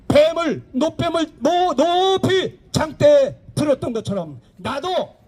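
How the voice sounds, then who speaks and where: A preaching man with a strikingly high voice delivers an outdoor evangelistic sermon. He presses his points emphatically and keeps asking rhetorical questions. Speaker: pastor, street evangelist. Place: outdoor public park.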